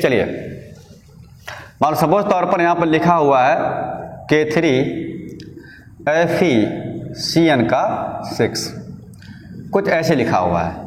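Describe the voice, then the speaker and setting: Male chemistry tutor, fairly high voice, quizzes and answers himself, long-reverb room. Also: a little hiss or hum. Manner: repeats key terms as questions and answers them himself; slow, drawn-out dictation when giving notes. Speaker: chemistry teacher. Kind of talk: online chemistry lesson, explaining and dictating notes.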